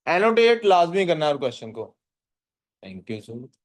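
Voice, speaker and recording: A man's voice: a little high, big pitch swings, a little slow. A man teaching a physics class. He reads questions out in English, explains them in Urdu and keeps quizzing his students. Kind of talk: classroom lecture.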